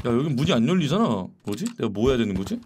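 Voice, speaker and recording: A man in his twenties, commentating a horror game he is playing, talking back to the characters and yelling when startled. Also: mid-range voice, big pitch swings, quick pace, faint music behind. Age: 20s. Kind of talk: casual gameplay commentary.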